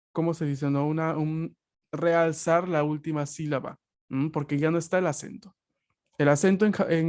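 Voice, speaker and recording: A male language teacher giving a patient, explanatory online class over a video call, often pausing to check that students follow. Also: on the high side, darkish tone.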